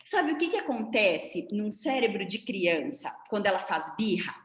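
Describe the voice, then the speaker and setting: A woman's voice: mid-range voice, normal speed. A woman with a Brazilian Portuguese accent gives a didactic online lecture to a seminar over a video call, explaining things with hand demonstrations. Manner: didactic, animated, demonstrating with her hands. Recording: roomy echo.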